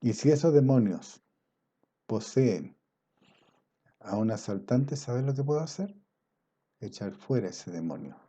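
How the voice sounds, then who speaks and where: A man preaching a sermon, swinging between loud emphatic passages and low quiet asides, and drawing out scripture quotes slowly. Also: expressive, slightly rough. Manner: quotes scripture in a slow, drawn-out cadence.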